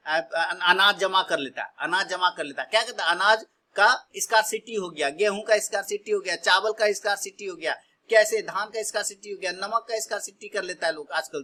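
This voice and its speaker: A man's voice: high voice, bright, forceful tone. A man from India teaching stock trading in a casual way, asking himself questions and answering them, often repeating his words.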